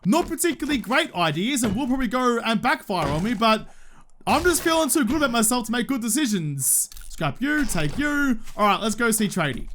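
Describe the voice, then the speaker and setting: An Australian man with a high, swooping voice gives casual gameplay commentary. He is slangy, jokey and cheerfully sweary, with lots of melodic rise and fall. There is faint noise and some clicking behind him. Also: sing-song, a little fast, a bit bright. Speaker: gaming video host.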